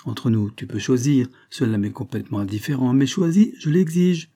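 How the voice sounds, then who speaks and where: A man's voice: medium pitch, expressive, normal speed, mellow, lightly acted. A man voicing a small, frail, ironic police agent in a storybook reading, with a teasing, mocking manner.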